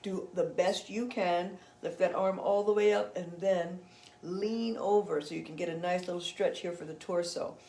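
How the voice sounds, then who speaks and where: Roomy-sounding woman guiding gentle yoga. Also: on the low side, fairly even intonation, normal speed, gravelly, slight background noise. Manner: chatty and encouraging, with laughs between cues. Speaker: yoga instructor. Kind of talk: guided gentle yoga instruction.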